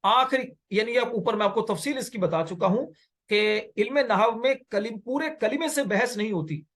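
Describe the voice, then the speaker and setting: A man's voice: sits high, moderate pace, fairly bright tone. A man lectures on Arabic grammar. He explains step by step, repeats his key phrases and poses questions that he then answers himself. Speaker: Islamic teacher of Arabic grammar. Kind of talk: classroom lecture.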